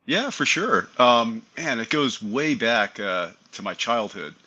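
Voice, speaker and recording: A middle-aged man, an airline pilot guest on an aviation podcast, telling his story in an animated, conversational way. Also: mid-range voice, slow, breathy edge, dull audio. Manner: animated, acts out remembered dialogue. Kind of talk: casual interview storytelling.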